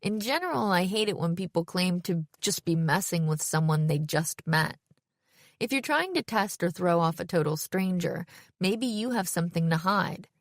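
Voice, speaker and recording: Woman audiobook narrator, first person, wry; lowish voice, dry close studio sound. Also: animated, normal speed, dry recording.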